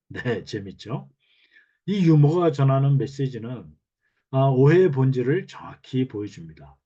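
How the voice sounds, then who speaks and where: A man's voice: medium pitch, dark tone. A man giving a recorded lecture on empathic communication, explaining step by step and reading out example phrases. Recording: dull lo-fi recording.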